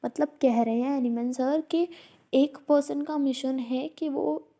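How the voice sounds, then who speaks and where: A woman teaching a study lesson, asking herself questions and answering them, reading quoted passages out slowly. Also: high voice, fairly even intonation, warm tone. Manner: slow, repetitive, asks herself questions. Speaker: teacher explaining homeopathy texts. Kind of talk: study lecture mixing Hindi and English.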